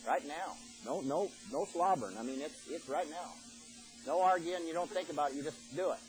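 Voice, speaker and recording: An older man delivers a homespun sermon, reading old scripture and then breaking it down in plain everyday talk. His voice sits slightly high for a man. Soft music plays faintly behind him. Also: fairly quick, rough recording. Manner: folksy, reads scripture aloud then explains it plainly. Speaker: preacher.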